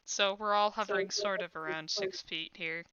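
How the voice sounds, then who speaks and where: A woman's voice: medium pitch, steady tone, moderate pace, bright, forceful tone, smooth, dull audio. A woman narrating as game master of a tabletop game, describing scenes with many "uh"s. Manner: descriptive, filler-heavy with frequent "uh".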